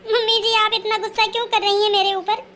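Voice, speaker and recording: A helpless young daughter-in-law, played by a woman, educated and pleading, with a whiny edge. Her voice is very high and bright, with faint ambient noise behind it. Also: flat delivery, quick pace. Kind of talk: comedy skit acting.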